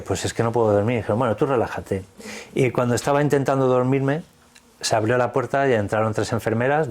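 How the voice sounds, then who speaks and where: Man, low-pitched, rapid delivery, retells conversations with animation; interview guest. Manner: animated, acts out dialogue in retelling. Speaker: guest telling his story. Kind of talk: casual storytelling interview.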